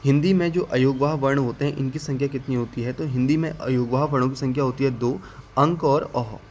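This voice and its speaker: A man teaching an exam-prep grammar lesson, asking the class questions, answering them himself, and repeating key definitions slowly. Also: medium pitch, fairly even intonation, warm tone, a little hiss or hum.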